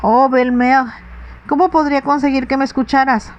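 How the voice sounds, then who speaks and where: A woman voicing an anxious, sensible young stepdaughter, pleading earnestly in a soft, whispered role-play audiobook reading. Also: high-pitched, flat delivery, normal speed, voice pushed up, natural voice.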